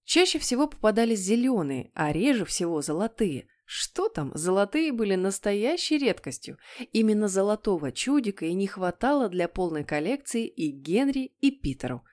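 Lively woman reading a children's audiobook. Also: medium pitch, normal speed. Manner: lively, expressive. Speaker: audiobook reader. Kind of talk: expressive children's audiobook narration.

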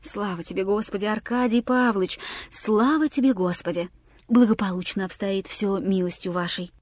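A woman's voice: medium pitch, normal speed, darkish tone, no room sound, natural voice. A woman voicing a fawning, tipsy middle-aged village bailiff who talks in a wheedling sing-song.

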